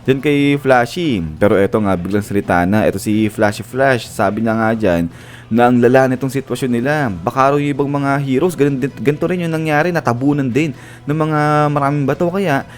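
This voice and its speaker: Chuckling man retelling an anime. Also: medium pitch. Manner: chuckles often while retelling. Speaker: anime recap narrator. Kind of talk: casual anime recap narration.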